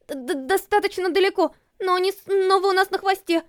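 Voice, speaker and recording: A woman's voice: very high-pitched, a little fast, pitched above the performer's own voice. A woman voicing a timid young female robot housemaid who stammers when flustered, in a storybook reading. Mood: panicky. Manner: stammers in panic.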